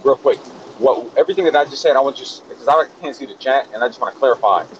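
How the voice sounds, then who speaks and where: Caller on a bad connection: man, mid-pitched, dull lo-fi line with faint hiss, breaking up. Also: quick pace. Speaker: call-in guest on a livestream. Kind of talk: casual chat. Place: on the road.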